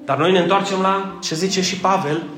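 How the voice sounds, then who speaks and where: Male preacher with a lilt, high voice, quizzes and teases his congregation, in a roomy church with soft music. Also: steady tone. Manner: joking, asks the congregation questions. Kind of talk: conversational sermon with congregation call-and-response.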